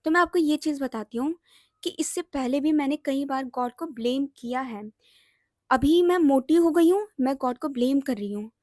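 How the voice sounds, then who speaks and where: A woman's voice: high voice, moderate pace, a little mellow, no echo, clean studio sound. A young woman vlogger telling a personal story in a chatty, emotional way, mixing in English words. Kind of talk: casual storytime monologue.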